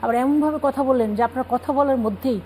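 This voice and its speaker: Mellow-voiced woman explaining religious teaching. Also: high-pitched, fast, slight background noise, low-quality recording. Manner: calm explanatory, cites scripture. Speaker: religious guest speaker. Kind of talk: Islamic talk show explanation.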